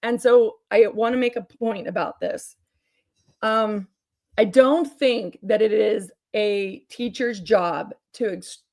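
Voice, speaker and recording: A woman speaks as an expert guest in an earnest discussion. Her voice is strained and a little strangled, as if worn out from loud talking. She makes her points emphatically and often checks in with the listener. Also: medium pitch, gravelly. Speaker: guest researcher and curriculum developer.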